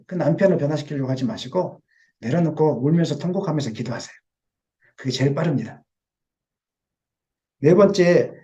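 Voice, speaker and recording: A man's voice: a little high, dark tone, highs cut off. A male pastor preaching a sermon in a church sanctuary and speaking directly and emphatically to his congregation.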